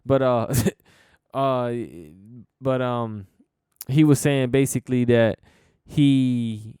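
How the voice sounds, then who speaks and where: A man's voice: medium pitch, steady tone, extremely slow, dark tone, clean tone, dry recording, studio quality. A young American man hosting a casual solo podcast, rambling and laid-back with many fillers and restarts, swearing casually. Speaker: podcast host.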